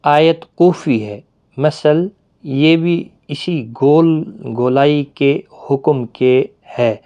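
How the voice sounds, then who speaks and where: A man teaching a Quran reading lesson, explaining patiently with pauses and drawn-out fillers. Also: fairly high pitch, warm tone, clear, resonant tone, highs cut off.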